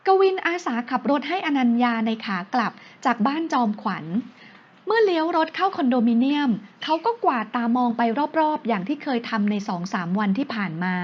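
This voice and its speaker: A woman narrates a romance novel with a steady storytelling delivery. Her voice is high-pitched. The recording sounds dull and lo-fi. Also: moderate pace.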